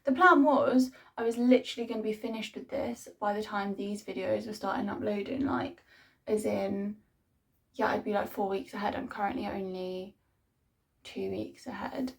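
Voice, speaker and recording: A woman's voice: medium pitch, fairly even intonation, moderate pace, creaky. A young adult woman talking casually to her video diary as a fitness vlogger, rambling informally and saying "like" and "honestly" a lot.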